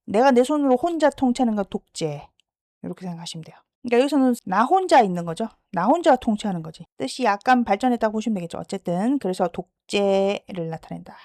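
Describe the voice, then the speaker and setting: A woman teaching English vocabulary in a lecture style. She checks understanding with frequent questions and slows down to sound out English words. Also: mid-range voice, lively intonation, a little mellow, dry recording, clean studio sound.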